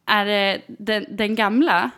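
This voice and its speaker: A woman in her thirties chats casually, spinning a story with lively, animated energy. She is full of fillers and small restarts and keeps the tone conversational and unpolished. Her voice sits at a middle pitch.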